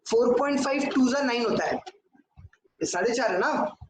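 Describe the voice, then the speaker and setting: A male teacher at a board works through sums, putting questions to his class and answering them himself, with English mixed in. His voice is very high-pitched and unhurried. The classroom recording is echoey with clear noise.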